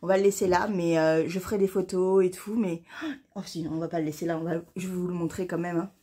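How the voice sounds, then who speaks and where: A woman from France chatting casually to camera in a knitting vlog, excited and rambling, stumbling and restarting her words. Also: on the low side, fast, slightly rough. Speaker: knitting vlogger.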